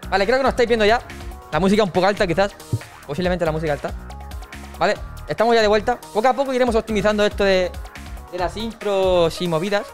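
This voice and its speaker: A man's voice: sits high, fast. Man hosting a podcast, music behind. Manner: loose, filler-heavy, game-show announcing. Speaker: podcast host. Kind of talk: casual podcast chat.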